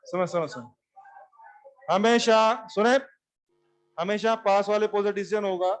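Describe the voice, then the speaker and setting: A man teaching physics to a class, animated and often repeating questions back to students. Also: sits high, unhurried. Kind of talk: classroom lecture.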